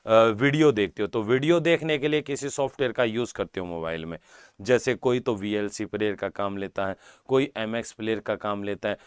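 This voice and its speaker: Dry-voiced computer teacher, repetitive. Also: male voice, medium pitch, smooth, no echo. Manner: repeats key terms, checks in with "ठीक है", calls students "बेटा". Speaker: exam-prep computer teacher. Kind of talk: live online class lecture.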